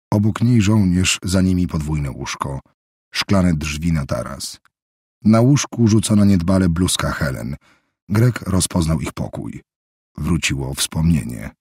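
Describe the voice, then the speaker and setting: A man narrating an audiobook in a steady, measured reading. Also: sits low, husky, no echo, clean studio sound. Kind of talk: scripted narration.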